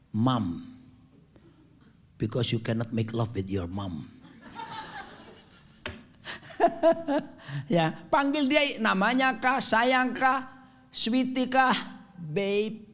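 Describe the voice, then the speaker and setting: Animated high-pitched man preaching a sermon. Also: drawn-out words, long pauses. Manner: dramatic and animated, mixing jokes and English phrases. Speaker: pastor. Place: church sanctuary.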